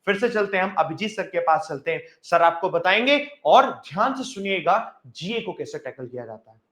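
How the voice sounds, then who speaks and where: A man's voice: high-pitched, animated, normal speed, a bit bright. A man, a bank exam English teacher giving an emphatic motivational lecture with a story and rhetorical questions. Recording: echoey room.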